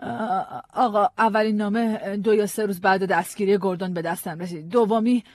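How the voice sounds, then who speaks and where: A woman's voice: medium pitch, fairly even intonation, no room sound, close to an everyday voice. A woman voicing a frightened, guarded wife who speaks hesitantly and pleads, in a dry audiobook recording. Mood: anxious. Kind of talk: audiobook drama reading.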